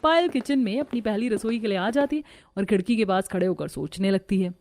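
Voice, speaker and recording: A woman giving scripted narration of a family story in an even storytelling tone. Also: mid-range voice, brisk.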